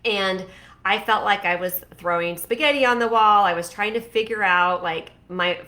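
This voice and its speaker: A woman's voice: medium pitch, moderate pace, pushed and bright. A woman in her forties, a fashion stylist and coach, talking casually and encouragingly to viewers with many fillers and restarts. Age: 40s. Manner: chatty, rambling, encouraging. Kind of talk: casual talk to camera.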